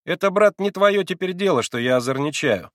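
A cocky schoolboy lectures and teases in a lively, sing-song voice, as a male reader puts him on. He speaks a bit higher than the reader's own voice. The recording is close and dry. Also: brisk, no echo. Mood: brash lecturing. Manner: brash, teasing, lecturing.

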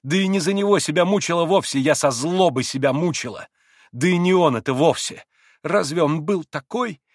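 A man reading an audiobook, voicing a proud young woman in bitter, shrill outbursts. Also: normal speed, dry recording, studio quality, lightly acted. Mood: bitter anguish. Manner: shrill, self-lashing outbursts.

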